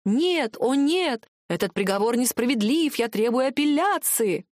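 A woman's voice: a little high, expressive, measured pace, darkish tone, no echo, clean studio sound. A woman reading aloud, voicing a flustered middle-aged male professor who defends himself and protests. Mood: protesting. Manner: protesting, pleading, whiny.

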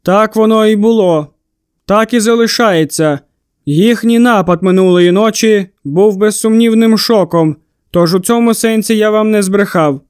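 Audiobook: aloof rational doctor, voiced by a man, measured and dry, dead close mic. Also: high voice, darkish tone, clear, resonant tone, no room sound, natural voice. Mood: detached. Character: cold, rational male scientist doctor, evasive.

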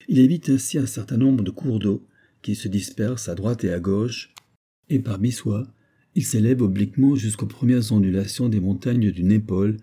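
A man narrating a novel as an audiobook in a steady, even reading. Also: lowish voice, slightly rough.

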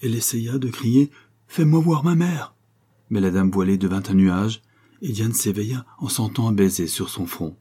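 Male audiobook narrator, low pitch, dark mellow tone, husky, calm and measured.

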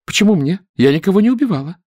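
High shrieking lady in a storybook done by a male reader, impatient and pleading, dry close sound. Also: lively intonation, racing, darkish tone, no echo. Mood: defiant. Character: frightened then furious noblewoman, young adult.

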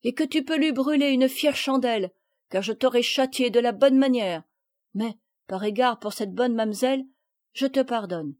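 A woman reader plays a blunt old peasant gardener in a storybook, raised and high in her voice, talking in rustic country speech. She scolds loudly, and the dry, close sound keeps every word close. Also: normal speed, no room sound, natural voice. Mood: scolding. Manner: loud, scolding, high-pitched.

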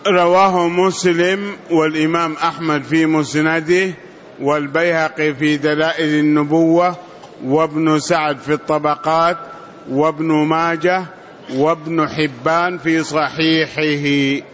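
A man reads a classical text aloud for his teacher in a lesson, slowly and haltingly, tripping over names. His voice is fairly high for a man. The recording is dull and lo-fi. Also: steady tone, a bit bright, slight background noise. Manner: halting reading, stumbles on names. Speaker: student reading the text aloud.

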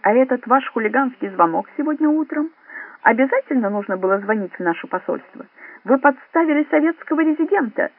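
A man's voice: high-pitched, very animated, moderate pace, breathy edge, no echo, exaggerated voice. A man voicing a blustering, pompous Soviet spy chief. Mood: furious. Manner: blustering, shouting, self-righteous. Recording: dry, phone-like narrow sound.

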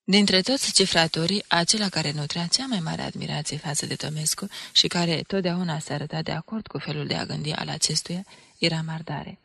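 Narrator: woman, bright and gravelly, dry close sound, measured audiobook reading. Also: fairly low pitch, dry recording. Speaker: audiobook reader. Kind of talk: scripted narration.

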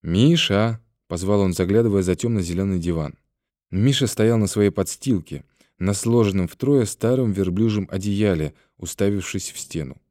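A man reading an audiobook in a calm, even storytelling manner. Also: low voice, moderate pace, dry recording, clean studio sound. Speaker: audiobook reader. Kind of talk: scripted narration.

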